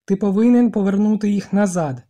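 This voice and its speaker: Reader doing a stubborn boy leader in an audiobook, loud and emphatic, husky warm voice. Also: medium pitch, animated, normal speed, natural voice. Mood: angry.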